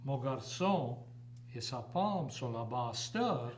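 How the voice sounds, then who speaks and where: A woman's voice: a bass voice, animated, slow pace, darkish tone. A woman with a Cajun French accent asking questions in a casual conversational interview. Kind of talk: casual chat. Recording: echoey room, faint hum and noise.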